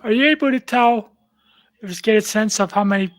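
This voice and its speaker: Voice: mid-range voice, fairly quick, no echo. A podcast host in casual chat, curious and asking lots of questions. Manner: curious, asks many questions.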